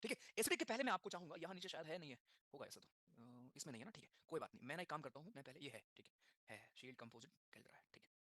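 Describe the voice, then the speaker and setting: A man teaching a class, talking in a quick mix of Hindi and English, repeating key terms and asking the students questions. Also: on the high side, lively intonation, pushed and bright, no room sound. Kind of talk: classroom lecture.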